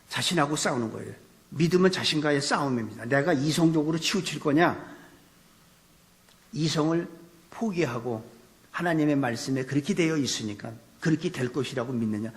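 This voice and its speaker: A male pastor giving an animated sermon, asking rhetorical questions and raising his voice for emphasis. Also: mid-range voice, fairly quick. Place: church sanctuary. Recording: long reverb of a church hall.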